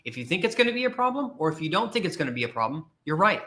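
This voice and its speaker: High-pitched, bright and forceful, his very animated voice races along. A podcast host and career coach, he gives a motivational livestream talk to listeners, emphatic and repetitive, challenging them directly.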